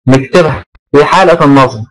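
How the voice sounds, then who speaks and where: A man with an Egyptian Arabic accent teaches a grammar lesson at a brisk clip, his voice sitting a little high. He repeats key phrases and throws rhetorical check-in questions at the class. He also voices his pupils' questions before answering them himself. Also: low-quality recording. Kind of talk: online class lecture.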